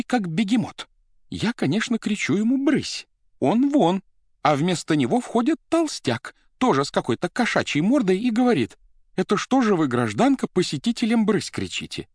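A woman's voice: mid-range voice, big pitch swings, moderate pace, darkish tone, husky, no room sound. A young secretary in hysterics, her voice leaping wildly up and down as she wails and sobs. She bursts out breathlessly in an audio drama, and the recording is close and dry. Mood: agitated retelling. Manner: wailing, sobbing, breathless outbursts.

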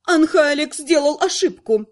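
A woman voicing a sharp, scornful and jealous female healer. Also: sits high, animated, measured pace.

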